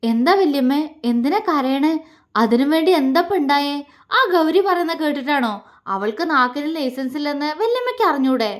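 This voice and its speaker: A woman's voice: high-pitched, lively intonation, brisk. A woman voicing a caring, serious young man who speaks earnestly and firmly. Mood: worried.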